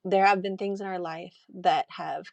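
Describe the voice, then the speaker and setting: Woman interview host, low voice, searching and thoughtful, dry close sound. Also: steady tone, moderate pace, vocal fry, no echo, lo-fi sound. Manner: thoughtful, searching, with small restarts. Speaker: podcast host. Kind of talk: interview conversation.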